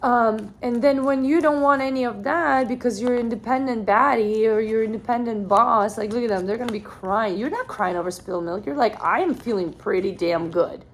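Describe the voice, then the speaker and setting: A woman's voice: fairly high pitch, a little fast, hardly any pauses, a little hiss or hum. A young woman doing a channeled tarot reading in a casual, blunt way, full of "like" fillers and swearing. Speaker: tarot reader.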